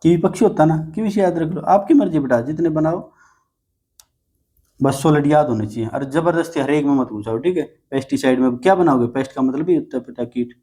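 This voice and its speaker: A man's voice: fairly high pitch, a little fast, mellow, husky. A man teaching an exam vocabulary class, coaxing students with playful memory tricks and constant reassurances. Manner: coaxing, repeats "ठीक है बेटा", playful mnemonics.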